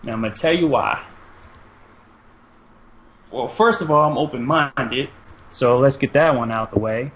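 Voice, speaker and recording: A man's voice: medium pitch, measured pace, long pauses, a bit bright. A man co-hosting a sports and gaming podcast, talking things through at length in casual chat. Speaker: podcast co-host. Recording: dull lo-fi sound, faint noise.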